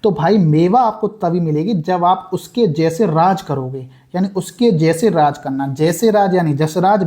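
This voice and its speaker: A man's voice: on the high side, dark tone. A young man giving a casual exam-prep lesson, chatty and repetitive, often calling his viewers brother. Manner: chatty, repeats words, addresses viewers as brother. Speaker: exam coaching teacher.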